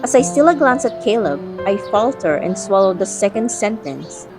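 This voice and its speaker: A woman's voice: medium pitch, sing-song, normal speed, close to an everyday voice. A woman playing a guarded, feisty young woman, narrating an audio drama in the first person and voicing her dialogue. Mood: reflective. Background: background music.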